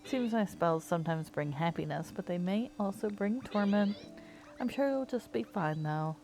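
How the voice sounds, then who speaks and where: A woman voicing a mysterious magical ghost creature in a calm, softly ominous reading. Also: medium pitch, moderate pace, lightly acted.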